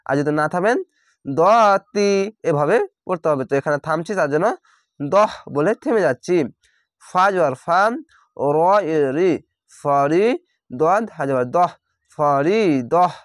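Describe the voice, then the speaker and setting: A man teaching Quran reading, spelling each letter and vowel mark slowly before reciting the word drawn out. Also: fairly high pitch, dry recording, studio quality.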